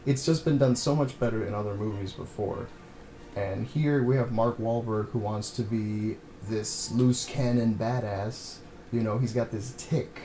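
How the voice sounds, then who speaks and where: A man's voice: on the low side, unhurried, mellow. A man hosting a casual movie review vlog, blunt and rambling with lots of "you know". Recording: echoey room, faint hum.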